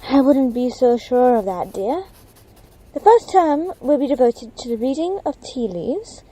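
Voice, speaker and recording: Woman as high, airy mystic divination professor. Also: expressive, warm tone, rough recording. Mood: ominous, airy. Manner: dramatic, portentous, drawn-out delivery. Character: airy, theatrical, mystical female divination professor foretelling doom.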